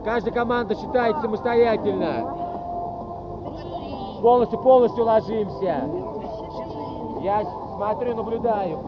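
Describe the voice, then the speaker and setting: A man's voice: high-pitched, a little slow, pauses often. A man coaching a group workout in a commanding gym-bro manner, counting reps and repeating short motivating orders. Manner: commanding, repetitive gym-bro style motivating drill calls. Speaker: fitness coach leading a team training. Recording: noisy outdoor recording, muffled, lo-fi.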